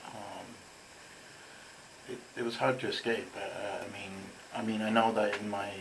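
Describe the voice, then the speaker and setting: Recorded with noticeable background noise, this interview guest from London, England, speaks with a London English accent. He tells a casual personal account in a fairly low, level voice at a moderate pace.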